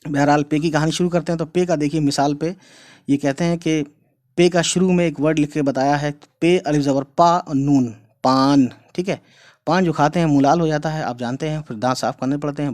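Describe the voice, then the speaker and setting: Man teaching Urdu to viewers: friendly "guys" address, patient repetition, slightly raised pitch. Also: darkish tone. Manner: patient, repetitive explaining with frequent checks. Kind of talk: online language lesson.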